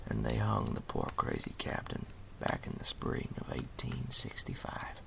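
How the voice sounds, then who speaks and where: A man plays the sinister ghost of a murdered right-hand man in a spooky ASMR roleplay, spinning an ominous tale in an extremely low, breathy, gravelly whisper with wildly swooping pitch. His heavily acted delivery is slow, deliberate, hushed, folksy and menacing, recorded with cavernous reverb and background noise.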